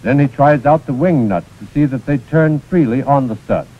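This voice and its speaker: Precise and formal, an American male narrator reads a scripted 1940s instructional film in a medium-pitched voice at a moderate pace. The soundtrack is muffled and scratchy, as expected from a 1940s film.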